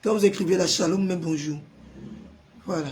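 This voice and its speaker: A pastor hosting a live stream, hoarse from a sore throat and forcing his voice out as he chats with viewers and answers their comments. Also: high voice, moderate pace, darkish tone, slight background noise. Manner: chatty, greets viewers by name and answers comments.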